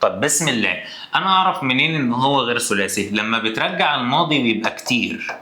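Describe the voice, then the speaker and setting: Man, Egyptian accent, grammar teacher, fast talker, bright tone, echoey room. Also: mid-range voice, lively intonation. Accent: Egyptian Arabic. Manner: playful, teasing, acts out student questions. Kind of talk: energetic classroom lesson.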